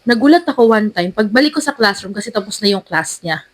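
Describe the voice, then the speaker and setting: A woman co-hosting a podcast, telling a story in a lively, animated way. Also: medium pitch, quick pace. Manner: animated, lively storyteller who acts out quotes. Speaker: podcast co-host. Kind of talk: casual storytelling chat.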